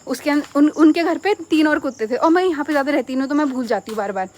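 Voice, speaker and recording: A woman's voice: high-pitched, quick pace, darkish tone. A young woman vlogging casually, telling a story animatedly with laughs. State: hiccuping. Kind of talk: casual vlog chat. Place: home and neighbourhood street.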